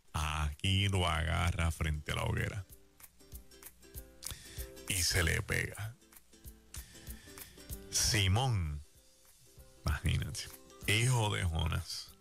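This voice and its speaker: Man, Puerto Rican accent, sermon, lively storyteller, creaky voice. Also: deep voice. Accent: Puerto Rican Spanish. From Puerto Rico. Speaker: preacher.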